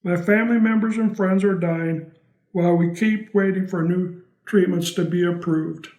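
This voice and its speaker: A man's voice: high-pitched, steady tone, moderate pace, darkish tone, roomy sound, poor audio. A man reading a prepared personal testimony as a patient.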